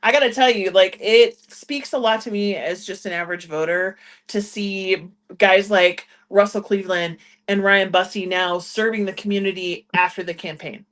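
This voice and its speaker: A woman's voice: mid-range voice, steady tone, moderate pace, hardly any pauses, a bit bright. Earnest, emphatic woman commentator. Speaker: political commentator. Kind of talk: casual political chat.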